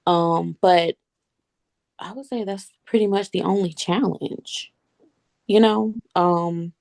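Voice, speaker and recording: A woman's voice: on the low side, steady tone, slow, vocal fry, darkish tone. A woman in her thirties, a guest on a video-call interview, chatting casually, laughing often and calling the listener honey.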